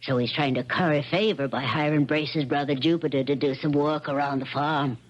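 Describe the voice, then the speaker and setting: Actress as folksy, low-voiced old Aunt Polly. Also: female voice, steady tone, moderate pace, lightly acted. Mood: concerned, matter-of-fact. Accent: rural American. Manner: folksy, matter-of-fact. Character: plain-spoken, folksy older country aunt. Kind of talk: 1970s radio drama acting. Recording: dull vintage radio recording.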